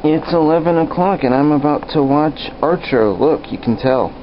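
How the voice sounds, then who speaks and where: A man's voice: fairly high pitch, moderate pace. A man casually rambling through a home video vlog with easygoing restarts, recorded as old camcorder audio. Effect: old camcorder audio, dull and hissy. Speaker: vlogger. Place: his house, indoors and out front. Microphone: built-in camcorder mic, handheld. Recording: hissy lo-fi old camcorder sound.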